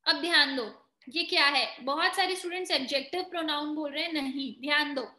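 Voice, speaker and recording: A woman's voice: high-pitched, fairly quick, pushed and bright, echoey room. A woman with an Indian accent teaching grammar in an online exam-prep lesson, explaining step by step and quizzing her students. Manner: explains in mixed Hindi and English, quizzing students.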